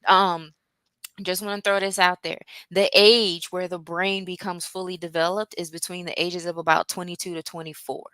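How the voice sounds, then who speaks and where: Woman explaining mental health stuff at church, calm and earnest, smooth voice, dry close sound. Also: lowish voice, moderate pace, dry recording. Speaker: guest speaker on mental health. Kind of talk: teaching talk at a church.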